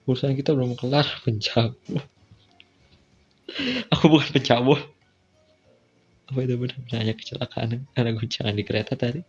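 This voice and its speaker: A visual novel let's-play streamer with an Indonesian accent reads game dialogue aloud, tossing in casual, slangy side comments. His medium-pitched, slightly mellow voice has a breathy edge and fairly even intonation, running a little fast with long pauses. The sound is dull and lo-fi, with background music.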